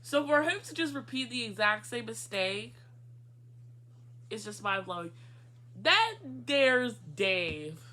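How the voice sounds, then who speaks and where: A woman co-hosting a casual chat, recapping a cartoon with animated, drawn-out emphasis and frequent laughter. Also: fairly high pitch. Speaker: co-host.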